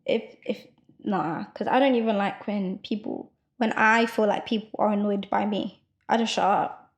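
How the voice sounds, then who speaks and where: A woman co-hosting a podcast, chatting casually and quick to protest in an exasperated way. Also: mid-range voice. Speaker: podcast co-host. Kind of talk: casual chat.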